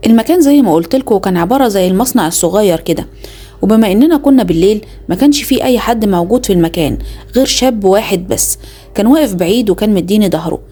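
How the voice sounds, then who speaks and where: Young woman, Egyptian accent, first-person storytelling, confiding, very fast, mellow dark voice. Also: medium pitch, lively intonation. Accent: Egyptian Arabic. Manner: confiding, dramatic inner monologue.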